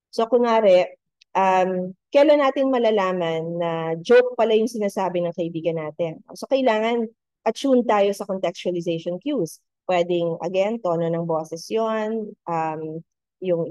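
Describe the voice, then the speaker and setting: A woman's voice: medium pitch, dark tone, no echo, dull audio. A woman with a Filipino accent giving a university lecture, mixing English into her talk and ending phrases with questioning tags. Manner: code-switching, frequent "no?" tag questions.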